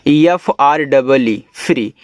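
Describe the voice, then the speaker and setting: A man from India teaching English reading, spelling each word letter by letter and then sounding it out slowly. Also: medium pitch, no echo. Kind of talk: step-by-step spelling lesson.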